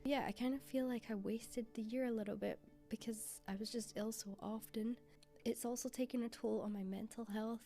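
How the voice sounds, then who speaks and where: Sick-sounding young Scottish woman, mellow voice. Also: on the high side, steady tone, normal speed, soft background music. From Scotland. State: sick with a cold. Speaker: vlogger. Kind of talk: casual sit-down vlog talk.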